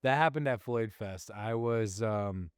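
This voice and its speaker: A middle-aged man hosting a podcast, telling a personal story in a casual, animated way and laughing often. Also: fairly low pitch, a little slow, clear, resonant tone, no room sound, clean studio sound. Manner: animated, laughs often, acts out quoted voices. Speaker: podcast host.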